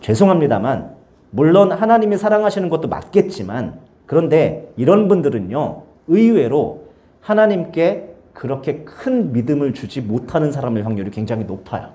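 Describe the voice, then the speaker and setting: A man preaching a lively youth sermon in a church, telling the story with sound effects and acted-out lines. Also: a little high, normal speed. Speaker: youth pastor.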